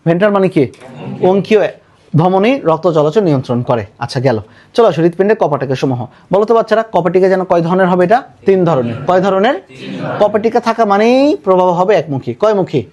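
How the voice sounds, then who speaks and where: A man teaches biology with a Bangladeshi Bengali accent, his voice sitting notably high. He runs the lesson as call-and-response, firing the same questions repeatedly and calling for louder answers. He slips English words into his explanations. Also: lively intonation, fast talker, lo-fi sound. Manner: drills students with repeated questions, urges them to answer louder.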